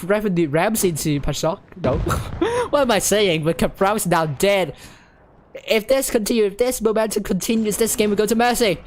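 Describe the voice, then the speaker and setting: This is live play-by-play from an esports caster whose voice is hoarse and giving out. They are excitable, shouting with high exclamations whenever fights break out, and rattle off names quickly with frequent fillers and restarts.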